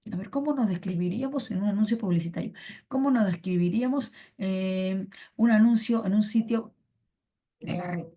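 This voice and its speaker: Over a computer mic, a woman runs an online class in Peruvian Spanish, her mid-range voice mellow and her pace moderate. Her manner is playful and coaxing, and she keeps repeating her phrases to the students.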